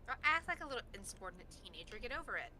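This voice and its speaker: Woman on a voice call, rapid-fire and sharp-toned, blunt teasing banter. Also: a little high, big pitch swings, slight background noise, poor audio. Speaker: gaming voice-chat friend. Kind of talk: casual chat.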